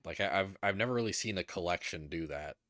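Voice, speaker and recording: A man's voice: deep voice, fast talker, dry recording. A man giving casual, joking commentary as he plays a video game. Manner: animated, joking.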